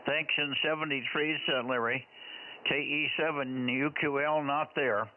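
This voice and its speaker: A man's voice: mid-range voice, fairly even intonation, a little slow. An American man running an amateur radio net as controller, chatting casually and repeating call signs and short phrases in procedural radio style. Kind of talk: casual ham radio net check-in chat. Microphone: two-way radio. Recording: tinny narrowband radio, heavy static noise, clicks.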